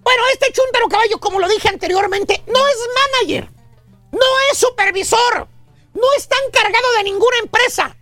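Brief: a performer playing a squeaky, scornful gossip with a Mexican accent on a radio comedy show, who ends every jab with "güey". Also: fairly quick, bright, forceful tone, no echo, soft background music. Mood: mocking. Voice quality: very high squeaky voice. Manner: scornful, piles up insults, ends lines with güey. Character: shrill mocking gossip ranting about a bossy lazy man. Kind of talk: comic radio rant.

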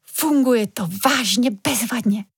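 Woman doing a high-voiced eager little girl. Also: slightly rough, no echo, studio quality. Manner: high, bright childlike voice.

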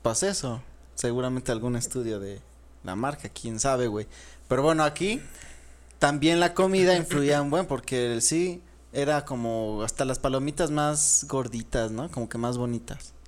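A young man with a Mexican Spanish accent, chatting casually in a relaxed, slangy way. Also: mid-range voice, normal speed. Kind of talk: casual chat.

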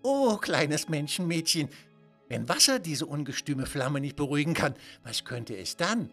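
A man's voice: on the high side, animated, measured pace, fairly bright tone, faint music behind. A man voicing a refined, elegant male unicorn with a bow tie, speaking in a genteel, flowery and courteous way. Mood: hopeful.

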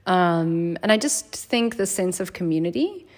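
A woman's voice: on the low side, lively intonation, unhurried. A woman hosting a podcast, chatting casually and encouragingly with her guest and using a lot of filler words. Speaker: podcast host. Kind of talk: casual interview chat.

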